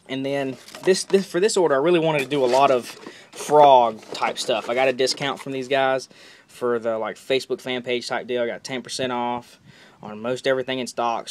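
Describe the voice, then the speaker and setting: A man's voice: medium pitch, slight background noise. A young man casually chatting while unboxing gear, enthusiastic and rambling, often repeating words, on a camera held close. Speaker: fishing vlogger.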